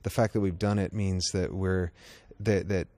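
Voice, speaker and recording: A man's voice: low voice, steady tone, moderate pace, dark tone, no echo. A man in a band answering interview questions backstage, thoughtful and restarting his sentences often. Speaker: band member.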